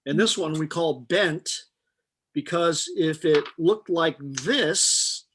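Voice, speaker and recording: A man's voice: on the high side, slow, a bit bright, slight background noise. A middle-aged man teaching a chemistry class, explaining step by step with patient jokes. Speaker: chemistry instructor. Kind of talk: live online chemistry lecture.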